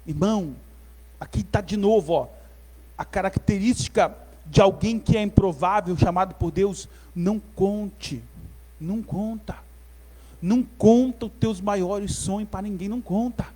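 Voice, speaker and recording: High-voiced preacher. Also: male voice, measured pace. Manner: animated, repetitive preaching, addresses listeners as brother. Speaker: pastor. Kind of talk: teaching sermon. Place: church.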